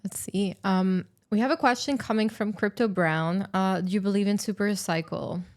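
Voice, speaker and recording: A woman hosting a casual livestream chat, chatty and quick to laugh, reading viewer questions aloud. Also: medium pitch, a little mellow. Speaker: podcast host.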